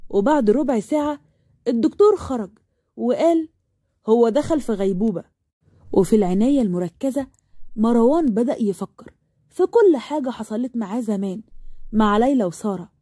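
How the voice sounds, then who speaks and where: Egyptian woman, storyteller, fairly high voice, mellow tone, dry close sound. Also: brisk, husky, no echo. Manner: expressive narration with acted dialogue. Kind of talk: dramatic story narration.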